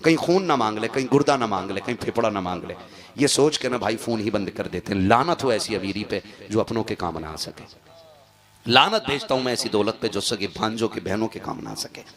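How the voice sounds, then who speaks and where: Impassioned male preacher, lively pitch. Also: fairly quick, crowd noise. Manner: dramatic, voices each character, rises to impassioned shouting. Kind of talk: emotional storytelling sermon.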